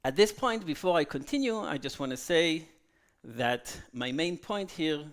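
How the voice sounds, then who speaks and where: A man giving a technical conference talk, halting with fillers and checking in with "okay?" after each point. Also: fairly high pitch, animated. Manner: frequent "okay?" tag questions, halting with fillers. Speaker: conference speaker. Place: conference hall.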